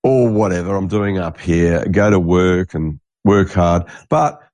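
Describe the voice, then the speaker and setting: A man with a low, unhurried, slightly mellow voice rambles through a solo podcast monologue, recorded with no room sound. He sounds congested, with a stuffy nose, and he swears, trails off, and restarts his sentences as the host.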